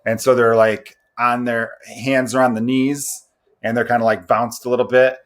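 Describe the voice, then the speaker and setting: A man's voice: mid-range voice, level tone, moderate pace, fairly bright tone. A man hosting a podcast in casual chat, rambling and joking as he goes. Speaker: podcast host.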